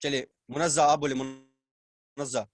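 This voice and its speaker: A man teaching a language class over a video call, explaining slowly, repeating words and quizzing his students. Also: mid-range voice, flat delivery. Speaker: Arabic teacher. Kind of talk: online class lecture.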